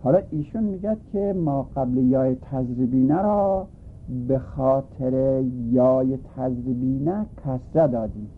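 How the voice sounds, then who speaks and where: A man's voice: mid-range voice, a little hiss or hum. A man teaching a grammar lesson, patiently explaining a text and repeating each point in new words. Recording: tinny phone-like recording.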